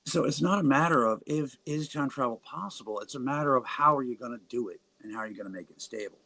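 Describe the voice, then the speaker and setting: A man's voice: mid-range voice, quick pace, bright, forceful tone, dry recording, poor audio. A man on a podcast explaining his ideas earnestly, often restarting his sentences. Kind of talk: casual podcast chat.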